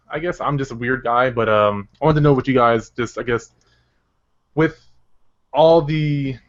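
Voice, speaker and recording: A man's voice: medium pitch, a bit bright. A man hosting a casual podcast chat, talking with a lot of hesitations while he steers the discussion. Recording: dull lo-fi audio.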